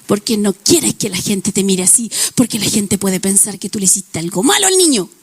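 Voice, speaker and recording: A woman's voice: mid-range voice, animated, moderate pace, husky. A woman pastor preaching a sermon, illustrating points with everyday examples and acted-out quotes.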